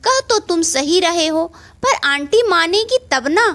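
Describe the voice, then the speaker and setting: A woman's voice: very high voice, lively intonation, a little slow, a bit bright, exaggerated voice. A woman voicing a worried, kind father who keeps pressing with anxious questions in a spoken Hindi story.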